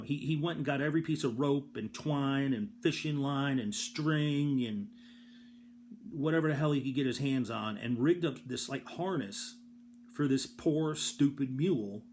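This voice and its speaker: A man's voice: mid-range voice, darkish tone, slight background noise. A man casually telling a rambling personal story, profane and self-deprecating, with comic exaggeration and frequent restarts. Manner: frequent restarts and filler words. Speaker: storyteller host.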